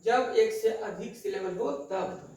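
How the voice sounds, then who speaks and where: A man teaching English grammar in a classroom lecture. He repeats key terms and keeps checking that students follow with quick questions. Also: high-pitched, a little mellow. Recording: very echoey room, voice far from the mic.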